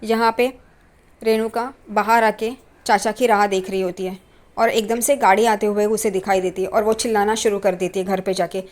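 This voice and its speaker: Woman narrator, steady soft-spoken episode recap. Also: medium pitch, moderate pace. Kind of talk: retelling a TV episode.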